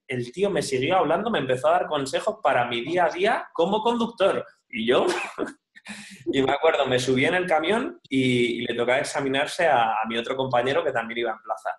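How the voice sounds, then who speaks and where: A man tells his story calmly and in measured detail. His voice is mid-pitched and sounds roomy and echoey. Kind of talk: casual chat. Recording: roomy echo.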